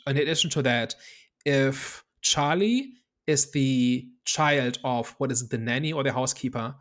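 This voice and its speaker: This podcast host's voice is medium in pitch with a fairly bright tone. Chatting casually about movies, he works through his points analytically, hedging as he thinks out loud.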